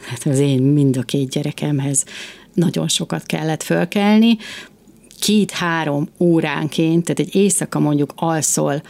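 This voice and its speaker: Low, gravelly woman, passionate and emphatic. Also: darkish tone. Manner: passionate, emphatic, quick bursts. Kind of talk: casual discussion.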